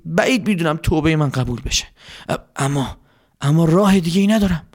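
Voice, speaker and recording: A man voicing a remorseful male army commander who talks in a pleading, halting way, in a told story. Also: on the high side, expressive. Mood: torn.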